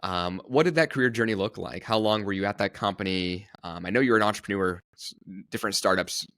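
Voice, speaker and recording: A man's voice: fairly low pitch, fairly quick, a bit bright, clear, resonant tone, no echo. A man hosting a podcast, asking questions in a friendly, affirming way. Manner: friendly, affirming with brief interjections. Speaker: podcast host. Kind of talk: interview hosting.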